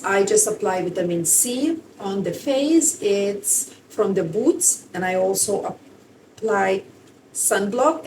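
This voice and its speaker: A woman's voice: medium pitch, a little mellow, distant mic, slight background noise, low-quality recording. A woman in her forties from Lithuania, with a Lithuanian accent, chatting casually in a vlog in slightly broken English. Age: 40s. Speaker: vlogger.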